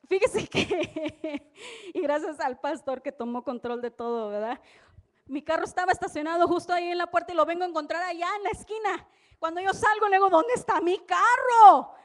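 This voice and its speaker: High-pitched woman preacher, animated storyteller, live church sermon. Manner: animated storytelling, exclamations of praise. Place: church service.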